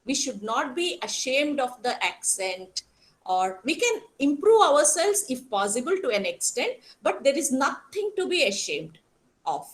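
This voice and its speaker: A woman lecturer speaks in a fairly high voice with a strong South Indian accent. She teaches interactively online, working through explanations in a halting way and often turning to her students with questions. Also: sing-song. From Karnataka, South India. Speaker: college teacher.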